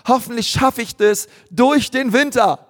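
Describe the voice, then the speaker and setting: A man voicing a gentle little squirrel. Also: very high voice, measured pace, pitched above the performer's own voice, exaggerated voice. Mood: earnest. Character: small worried squirrel, trusting and gentle. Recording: long hall reverb.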